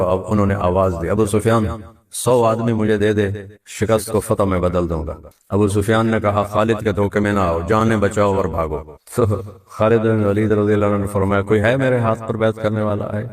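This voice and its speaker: A low-voiced man delivers a storytelling sermon, slipping between narration, quoted dialogue and recited Arabic verses. His voice sits some distance from the microphone. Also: darkish tone. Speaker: preacher.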